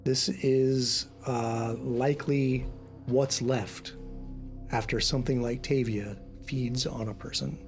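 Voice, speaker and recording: Halting, informal male game master over music. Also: mid-range voice, steady tone. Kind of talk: casual improvised tabletop game narration. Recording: music playing behind the voice.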